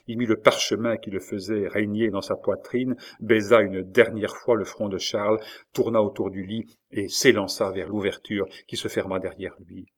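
A man narrating a historical novel aloud in a measured, expressive storytelling manner. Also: on the low side. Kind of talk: audiobook reading of a historical novel.

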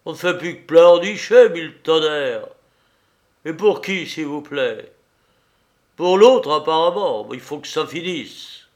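A menacing, jealous seaman bellows and swears at full volume, as a male reader puts him on. His voice is pushed up high and hard. It comes from a slow, read-aloud storybook. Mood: shouting angry. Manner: swears sailor oaths, shouting. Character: rough jealous male sailor, menacing and loud.

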